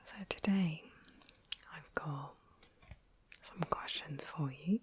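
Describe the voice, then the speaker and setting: A woman whispering softly and gently through an ASMR interview roleplay. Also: sits low. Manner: soft, slow, gentle whispering. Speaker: ASMR creator.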